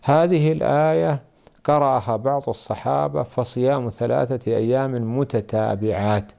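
A man answering religious questions as a scholar, measured and explanatory. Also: medium pitch, creaky, mellow. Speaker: Islamic scholar.

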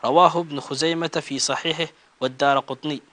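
A man reading religious texts aloud to his teacher in a measured recitation, getting louder on the chanted call-to-prayer phrases. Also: on the high side, fairly even intonation.

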